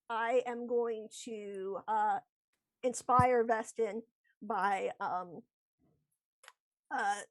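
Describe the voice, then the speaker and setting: A woman playing a tabletop game, speaking in a halting, playful way with many fillers. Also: a little high, no echo. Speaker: player. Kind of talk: tabletop role-play chat.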